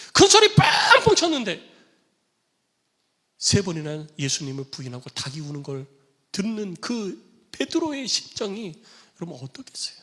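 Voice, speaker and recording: A man preaching a Sunday sermon as pastor, acting out quoted voices and swinging between loud cries and hushed whispers. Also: high voice. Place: church sanctuary. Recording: reverberant church hall.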